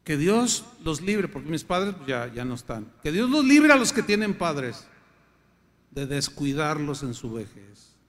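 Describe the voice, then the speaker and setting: A man's voice: a little high, big pitch swings, a little slow. Older male pastor, Mexican accent, emphatic sermon delivery, long church-hall reverb. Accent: Mexican Spanish. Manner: emphatic preaching, acts out quoted voices.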